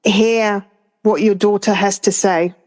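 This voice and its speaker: Woman, from France, thirties, casual co-host chat, slow unhurried pace, hesitant with fillers. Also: medium pitch, fairly even intonation, darkish tone. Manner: hesitant, many fillers and restarts. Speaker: podcast co-host.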